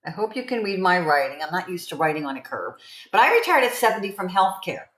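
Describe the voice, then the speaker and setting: A woman in her seventies hosts a livestream promoting online income, talking casually and ramblingly to viewers and repeating key phrases. Her fairly low voice is sing-song, quick, and a bit bright, with roomy, echoey sound.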